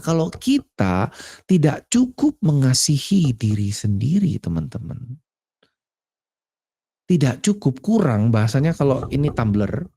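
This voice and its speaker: Gravelly-voiced man preaching casually. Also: on the high side, mellow. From Indonesia. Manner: chatty, conversational, mixes slang and English words. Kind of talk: casual sermon.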